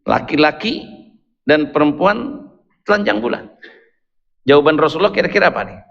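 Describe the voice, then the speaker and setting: A man's voice: fairly high pitch, animated, moderate pace, gravelly. A male preacher giving a sermon, telling a story with playful asides to his listeners. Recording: dull, echoey hall recording.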